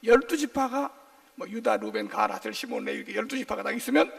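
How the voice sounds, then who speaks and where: Male pastor, very high and rough-edged voice, swooping delivery, playful preacher who quizzes his flock, heard from a distant church mic. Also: fast. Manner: lively, quizzes the congregation with call-and-response questions; jokey, playful asides. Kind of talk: sermon.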